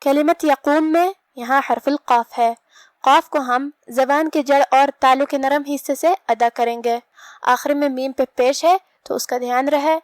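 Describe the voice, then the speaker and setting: Woman, recitation teacher, high-pitched, dry close sound, methodical lesson. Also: steady tone, dry recording. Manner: patient, methodical explaining. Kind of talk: step-by-step recitation rules lesson.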